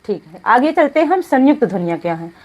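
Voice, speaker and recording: Female grammar teacher: high-pitched, very animated, works through the lesson in self-answered questions. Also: quick pace, distant mic. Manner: asks questions and answers them herself; repeats key terms, checks in with "ठीक है". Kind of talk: classroom lesson.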